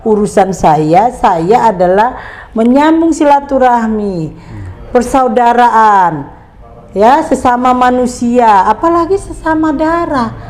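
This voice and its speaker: A woman's voice: a little high, animated, takes it slowly, darkish tone. A middle-aged woman from Indonesia, speaking as an interview guest and making her points emphatically with rhetorical questions. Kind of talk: conversational interview.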